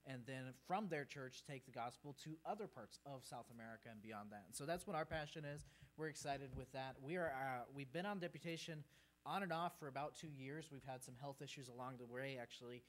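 Standing at the pulpit in a church sanctuary, a man in his thirties who grew up in Peru addresses the congregation as a guest missionary. His informal, earnest talk comes in a mid-range, fairly bright voice, over a faint hum and some background noise.

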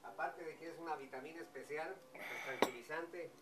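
A man's voice: fairly high pitch, a little fast. A man in his fifties from Ecuador, a café owner, explaining at length in casual chat, emphatic and repeating himself. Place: outdoor café patio. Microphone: far camera on a table. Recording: distant outdoor mic with music behind.

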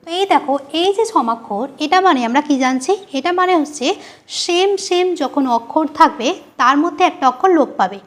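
A high-pitched woman teacher, leading a grammar lesson. She spells out key terms slowly and repeats them. She asks questions and then answers them herself. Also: lively intonation.

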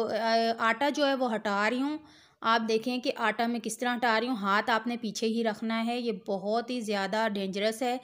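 A middle-aged woman, host of a cooking channel, giving step-by-step recipe narration in a patient, instructive way and speaking straight to the viewer. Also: a little high. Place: home kitchen.

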